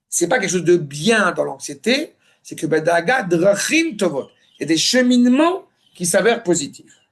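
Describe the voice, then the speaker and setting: Male religious teacher, high voice, Hebrew quotations with explanation, emphatic rephrasing. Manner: emphatic, repeats and rephrases phrases for the listeners. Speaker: religious teacher giving a Torah class. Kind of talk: Torah lesson reading Hebrew text and explaining it in French.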